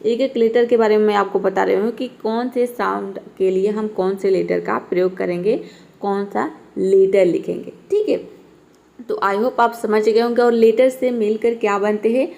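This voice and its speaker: A woman teaching English spelling rules in a patient lesson. Her voice sits a little high, with a noticeable gravelly fry. She keeps posing questions to her students and answering them herself. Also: a little mellow. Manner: patient, repeats each point with rhetorical questions.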